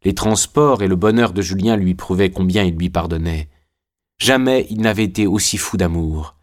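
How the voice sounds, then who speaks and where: A man narrating a classic novel as an audiobook, reading in a measured, expressive way. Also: low voice. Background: faint music.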